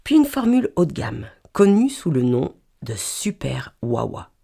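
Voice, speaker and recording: A woman reads a humorous first-person chronicle in a low voice. Her delivery swoops with lively pitch, wry and playful as she mimes sounds and accents. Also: unhurried, vocal fry, husky. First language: French. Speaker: reader of a humorous column.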